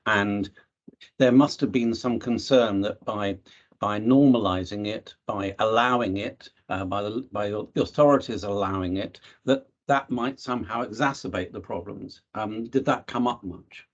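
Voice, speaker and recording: Man asking a conference question, husky, halting, dull lo-fi call audio. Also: fairly low pitch. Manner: halting, hesitant phrasing. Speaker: audience member asking a question. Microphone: video call.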